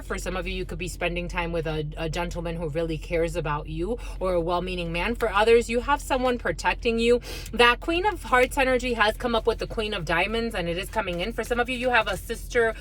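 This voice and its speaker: A woman host giving an intuitive tarot reading to her viewers, with halting, repetitive phrasing and affectionate asides to listeners. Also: lowish voice, a bit bright, slight background noise. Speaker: tarot card reader, channel host.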